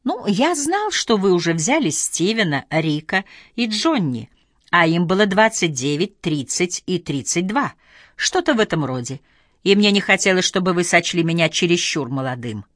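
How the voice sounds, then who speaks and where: A woman reading an audiobook and voicing a young male actor in a high, eager voice. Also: very animated, normal speed, no echo, studio quality. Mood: sheepish.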